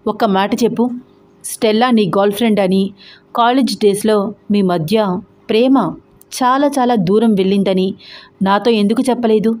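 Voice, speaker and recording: A woman's voice: on the high side, dark tone, close to an everyday voice. A woman voicing a young wife who reproaches her husband with firm, hurt words in an audio story.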